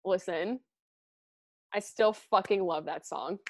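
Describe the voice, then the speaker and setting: A woman's voice: mid-range voice, slow, a little mellow, no room sound. Casual woman podcaster bantering, close dry sound. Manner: informal, freely swearing. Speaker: podcast co-host.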